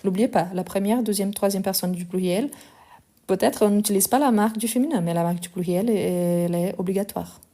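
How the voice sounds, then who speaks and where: Her voice warm and medium in pitch, a Lyon-accented woman of French and Brazilian background runs a live-streamed French grammar lesson. She slowly repeats and spells out each verb form in an explanatory way, and her replies to critics turn firm and indignant.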